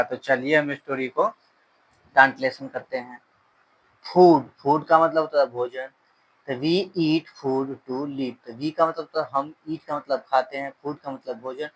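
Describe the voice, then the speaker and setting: Slow, flat-voiced male English teacher. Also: mid-range voice, poor audio. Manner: reads English words slowly, then explains in Hindi; repeats rules. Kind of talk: slow bilingual grammar lesson.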